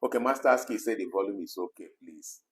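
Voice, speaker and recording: A fast-talking man with a fairly low voice co-hosts an online talk program. The live discussion is casual and chatty, peppered with "you know" fillers as he reads out viewer comments.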